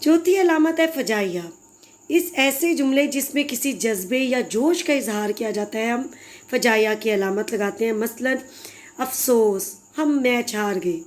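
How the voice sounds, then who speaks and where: Female teacher, fairly high-pitched, warm and patient, explaining a lesson to children. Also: unhurried. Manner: patient, explanatory, addresses pupils fondly. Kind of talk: recorded grammar lesson for children.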